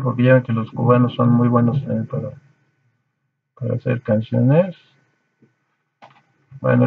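A man's voice: medium pitch, gravelly, slightly rough, no echo, phone-quality sound. A man with a Mexican accent chatting casually to his viewers between cover songs, rambling and correcting himself as he goes. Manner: rambling, self-correcting, chuckling. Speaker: YouTube cover musician.

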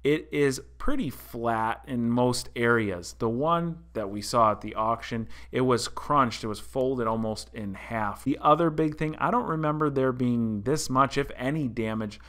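A man in his thirties hosts a car vlog from an indoor room, speaking into a desk mic. His voice is bright and forward, with a mid-range pitch. He talks viewers through each point in a chatty, explanatory way. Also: measured pace, few pauses. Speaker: car channel host. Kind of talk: casual vlog commentary. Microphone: desk mic in front.

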